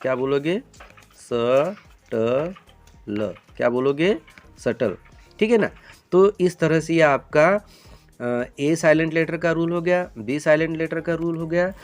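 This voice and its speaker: With faint music in the background, a man with a fairly high-pitched voice teaches English pronunciation in Hindi at a normal speed. The lesson is classroom-style, built on repeated call-and-response questions that he answers on his own. He calls his viewers "beta," speaking to them as if they were children.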